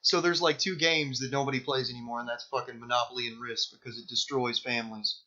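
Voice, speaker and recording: A man's voice: medium pitch, fairly even intonation, fast, bright, forceful tone. Crude joking young Southern man. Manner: crude, joking, heavy swearing. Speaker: podcast co-host. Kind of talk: casual chat. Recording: dull lo-fi podcast audio.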